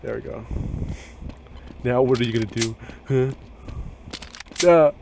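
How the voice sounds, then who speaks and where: A man's voice: mid-range voice, measured pace, creaky. A young man chatting casually as he hosts a co-op gameplay session. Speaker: gameplay host. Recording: voice chat over noisy game gunfire.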